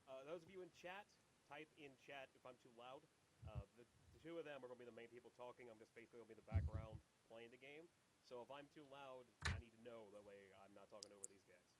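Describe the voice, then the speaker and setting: A man who plays the game on stream, talking quickly and offhand. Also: mid-range voice. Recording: noisy distant mic.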